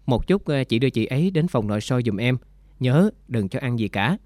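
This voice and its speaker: A man reading the part of a calm, practical male doctor, speaking in a matter-of-fact, calming way. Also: mid-range voice, a little fast, dry recording, lightly acted.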